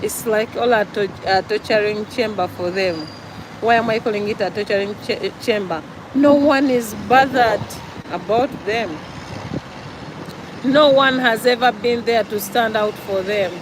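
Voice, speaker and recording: A woman's voice: fairly high pitch, unhurried, background noise. A Ugandan woman with a Ugandan accent gives an earnest, preachy vlog monologue, repeating her points for emphasis. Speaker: vlogger.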